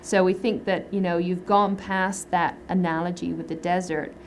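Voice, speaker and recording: A woman's voice: fairly low pitch, steady tone, normal speed, slight background noise. A woman in her thirties, a microbiologist, explaining her research in a documentary interview in a lab, gesturing as she talks. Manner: explanatory, gestures while talking. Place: indoor lab.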